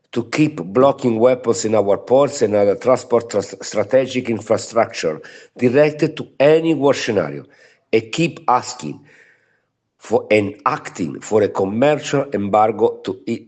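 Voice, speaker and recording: A man's voice: fairly low pitch, a little mellow. A man from Italy with an Italian accent, a native Italian speaker, giving a prepared trade union statement in broken English. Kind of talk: prepared political solidarity statement.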